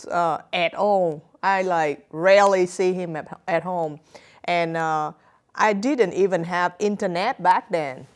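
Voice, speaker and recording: A young woman from Vietnam with a Vietnamese accent, answering interview questions in hesitant, simple English full of fillers. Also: mid-range voice. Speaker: author guest.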